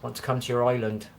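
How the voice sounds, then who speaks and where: A man's voice: medium pitch, creaky, slight background noise. Rambling Bristolian man on a live stream. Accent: Bristolian West Country English. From Bristol, England. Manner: rambling, chatty, easily amused. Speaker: livestreamer. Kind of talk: casual live-stream chat reading comments. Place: his own room, lights low. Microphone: phone.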